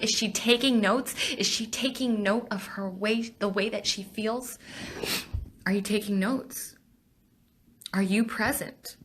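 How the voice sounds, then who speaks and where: A woman's voice: medium pitch, a bit bright. A young woman giving an emotional motivational talk to a sales team, firing off rhetorical questions and getting tearful. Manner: passionate, rhetorical questions, laughs and sighs.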